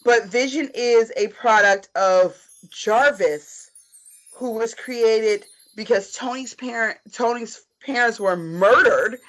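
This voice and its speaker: A woman's voice: on the high side, slow, fairly bright tone, soft background music, poor audio. A woman talking casually about film and TV on a video call, emphatic and repeating herself for stress. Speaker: podcast panelist. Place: indoors at home on a video call.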